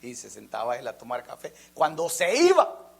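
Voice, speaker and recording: A man preaching a fervent sermon, jumping from loud emphatic lines to near-whispers and often addressing listeners as brother. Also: mid-range voice, wildly swooping pitch, moderate pace, vocal fry, breathy edge. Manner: keeps calling listeners "hermano".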